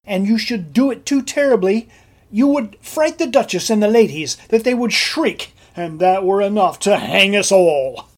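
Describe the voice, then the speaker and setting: An earnest, fussy man in charge of amateur players, played by an actor. His pitch moves in lively swings as he officiously coaxes his cast in Shakespearean comedy. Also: normal speed, natural voice. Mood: firm, fussy. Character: Peter Quince, earnest, fussy male amateur director.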